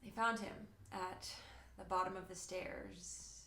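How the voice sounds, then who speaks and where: Echoey room, faint noise, actress playing haunted grown woman, searching soliloquy, dramatic monologue, halting, gravelly edge, reflective. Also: on the low side, steady tone, pushed and bright, heavily acted.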